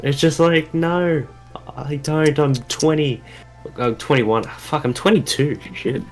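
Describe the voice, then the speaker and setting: A man's voice: a little high, fairly even intonation, slow, soft background music. A man in his twenties chatting casually while streaming a game, swearing often and restarting sentences. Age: 20s. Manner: swears a lot, rambling restarts. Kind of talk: casual chat while playing.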